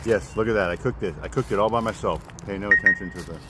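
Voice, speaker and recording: A man's voice: lowish voice, fast talker, very noisy. A man live-streaming a hike on a wooded trail, chatting casually and greeting viewers by name, with a rambling way of repeating his words. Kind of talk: casual live-stream chat while hiking. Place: outdoors on a wooded nature trail.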